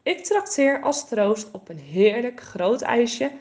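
A woman's voice: on the high side, very animated, slow pace, a little mellow, full character voice. A woman voicing a caring mother who comforts her lost daughter in a storybook. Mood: tender. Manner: tender, comforting.

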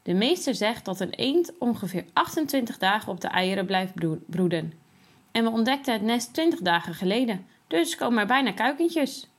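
A woman's voice: on the high side, very animated, moderate pace. A woman voicing a young schoolboy who is eager and hot-headed and explains things keenly.

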